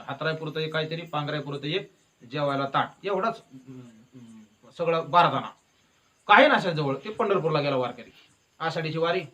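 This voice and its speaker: A man giving a devotional discourse as a kirtan preacher, telling stories and asking questions that he answers himself. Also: a little high. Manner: lively, asks questions and answers them himself.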